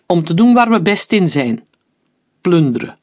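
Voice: medium pitch, sing-song, a little slow, a little mellow. A narrator voicing a menacing male mercenary leader who mocks and relishes cruelty, in an audiobook. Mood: gloating. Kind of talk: audiobook character voice.

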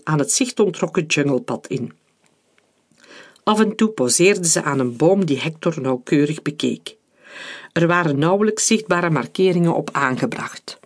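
A man narrating an adventure novel as an audiobook in a calm, steady reading. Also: a little high. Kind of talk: scripted narration.

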